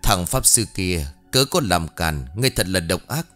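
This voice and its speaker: A male narrator voicing a stern, righteous exorcist master who shouts and chants spells. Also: low voice, animated, moderate pace, soft background music.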